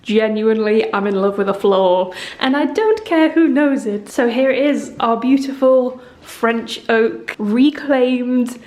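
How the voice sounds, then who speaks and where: A home vlogger chats casually in an echoey room that sounds like a cave, gushing, excitable and laughing often. Her voice is fairly high and slow, with few pauses.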